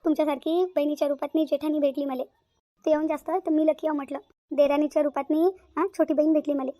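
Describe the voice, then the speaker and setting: Woman voicing a fond, quick elder sister-in-law. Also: high voice, little pitch movement, dark tone, dry recording, clean studio sound, natural voice. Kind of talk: cartoon voice acting.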